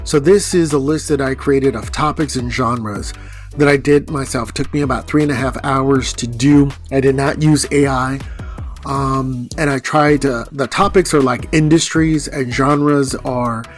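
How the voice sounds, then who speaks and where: A man in a casual monologue who rambles a little and reads a long list quickly, slightly out of breath. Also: medium pitch, steady tone, faint music behind. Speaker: vlogger.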